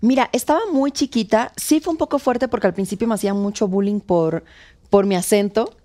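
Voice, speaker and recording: A woman's voice: mid-range voice, a little fast. A woman in her thirties, born in Cuba and speaking with a Mexico City accent, telling stories as an actress guest in a casual interview, acting out quotes. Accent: Mexico City Spanish. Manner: lively storyteller acting out quotes.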